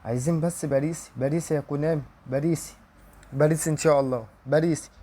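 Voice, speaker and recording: Young Egyptian gamer, slightly high-pitched, hopeful and pleading while opening packs. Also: male voice, rapid-fire, breathy edge. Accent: Egyptian Arabic. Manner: pleading and excited, repeating wishes aloud. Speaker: gaming YouTuber. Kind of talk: pack-opening commentary.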